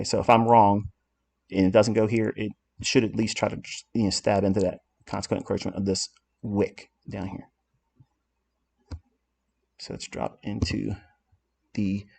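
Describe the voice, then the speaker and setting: A man's voice: fairly low pitch, gravelly, darkish tone. A man walking through trading charts in a lesson, blunt and self-assured as he explains what he authored. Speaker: trading educator.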